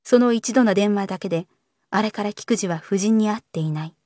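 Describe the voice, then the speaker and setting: A woman narrating a novel in a calm, measured audiobook reading. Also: mid-range voice, dry recording, studio quality.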